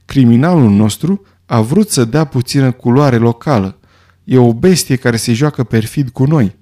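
A man's voice: mid-range voice, close to an everyday voice. A man voicing a hardened adventurer who speaks in a somber, strained way. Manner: somber, rising to shouting. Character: hardened male adventurer near breaking.

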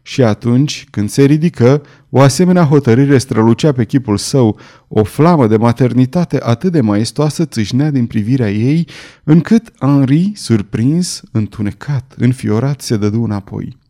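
A man narrating a romantic novel as an audiobook, reading in an expressive, theatrical way. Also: medium pitch.

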